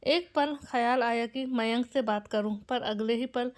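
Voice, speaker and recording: A woman's voice: on the high side, measured pace. A woman reading out a scripted family story as narrator, voicing every character's lines in her own voice.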